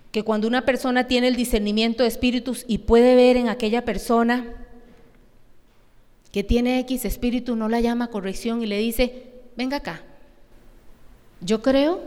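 Woman, preacher, high voice, emphatic sermon, long hall reverb. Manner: emphatic, asks the congregation questions.

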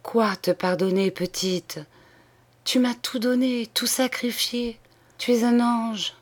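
A grieving elder sister in a storybook reading, voiced by a woman, tender and tearful. Her voice rises higher than the narration and stays soft. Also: fairly even intonation, slow pace.

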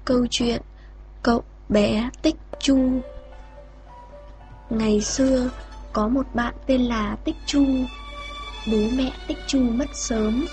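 A woman narrating a fairy tale in a slow, gentle reading voice. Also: a little high, steady tone, faint music behind. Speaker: storyteller.

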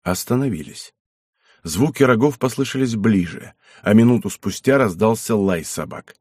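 A man narrating an audiobook in an expressive, measured storytelling manner, with a husky voice. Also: lowish voice, no echo, clean studio sound.

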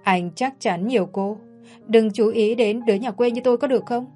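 A woman reading as a scared young maid, timid, polite, pleading, mellow voice, faint music. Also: a little high, normal speed, voice pushed up, close to an everyday voice.

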